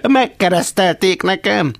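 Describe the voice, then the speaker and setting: A man's voice: sits high, animated, creaky, dry recording, pitched above the performer's own voice. A man voicing a distraught, indignant father. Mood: bellowing. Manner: whining, then bellowing. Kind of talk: audiobook character voice.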